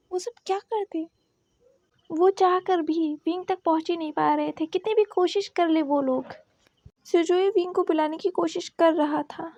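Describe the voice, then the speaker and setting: A woman's voice: very high voice, dark tone, no echo. A woman telling a fan fiction story in a dramatic storytelling style, repeating phrases for emphasis.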